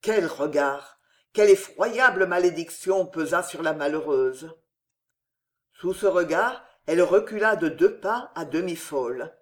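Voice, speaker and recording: A narrator reading a historical novel aloud in a dramatic, measured manner. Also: mid-range voice, expressive. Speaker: audiobook narrator.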